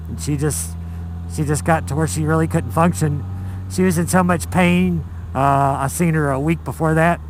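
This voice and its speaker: A man, talking haltingly from inside a motorcycle helmet as he gives viewers a personal life update. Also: a little high. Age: 40s. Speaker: motovlogger. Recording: muffled inside helmet, engine and road noise.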